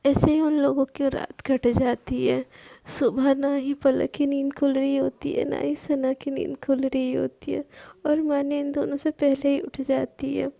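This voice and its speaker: Soft-spoken female storyteller, close and dry. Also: sits high, little pitch movement, measured pace, vocal fry, no room sound. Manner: soft, intimate, sometimes near-whispered. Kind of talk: storytelling narration.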